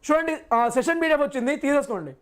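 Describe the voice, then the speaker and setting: A man's voice: extremely high pitch, animated, rapid-fire, a bit bright. A male physics teacher in a live online class who reassures his students, repeats every point and asks and answers his own questions.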